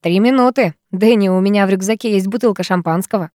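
A woman's voice: mid-range voice, fast talker, a little mellow, no room sound, studio quality, lightly acted. A woman reading the part of a cocky, teasing teenage schoolboy in an audiobook, with a smug, mocking manner. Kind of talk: audiobook character voice.

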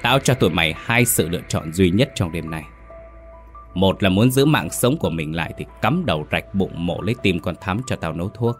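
A man's voice: sits low, animated, normal speed, faint music behind. A man voicing a cruel, scheming second wife of a landlord, giving cold and contemptuous orders in a storybook tale. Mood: menacing. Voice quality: cold, hissing threats. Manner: contemptuous, commanding.

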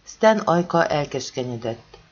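A man narrating an audiobook in measured scripted narration, dropping low on grave words, in a dull lo-fi recording. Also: sing-song.

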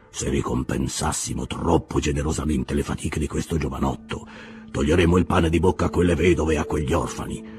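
A man voicing a solemn, pious old shipowner who speaks slowly in a sepulchral, preachy manner in an audiobook reading. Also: very deep voice, a little mellow, pitched below the performer's own voice. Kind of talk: audiobook character voice.

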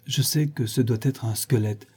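Brief: a man playing a wide-eyed teenage girl in a storybook, soft-spoken, dark husky tone. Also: mid-range voice, normal speed, lightly acted. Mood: earnest. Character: naive, earnest seventeen-year-old girl. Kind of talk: audiobook reading.

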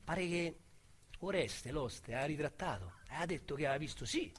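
In a radio drama, an actor with a Roman accent plays the narrator-protagonist, a boastful small-time crook whose colorful, slangy speech swings between loud bragging and hushed menace. His voice sits on the high side and is expressive and slightly rough, moving at normal speed with a menacing mood.

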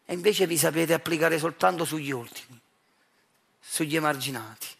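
His voice is fairly high, fairly bright, husky and creaky, and he speaks at normal speed with a Neapolitan accent. The stage actor performs his own monologue, challenging the audience directly with accusations and rhetorical questions.

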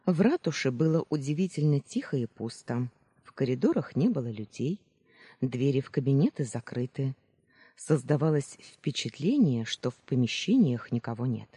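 A narrator reading a first-person audiobook chapter in an expressive manner. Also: medium pitch, normal speed, slightly rough, dry recording.

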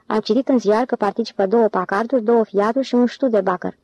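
A woman's voice: on the high side, a little mellow, breathy edge, no echo, dull audio. Woman reading as a pestering young driver. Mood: insistent. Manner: pestering, insistent. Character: persistent eager young male amateur driver.

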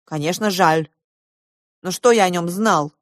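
A woman's voice: fairly low pitch, unhurried, no echo, clean studio sound, lightly acted. A woman voicing a stubborn, earnest young boy who speaks in firm declarations. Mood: insistent.

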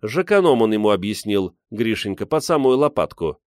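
A man voicing a scolding, sharp-tongued older woman who is quick to threaten. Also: on the low side, big pitch swings, no room sound, studio quality.

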